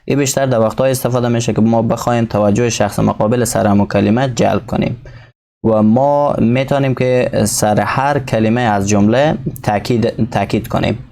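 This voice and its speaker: Gravelly man teaching English slowly. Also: medium pitch, steady tone, darkish tone. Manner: reads English slowly, explains in Dari. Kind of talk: recorded textbook lesson.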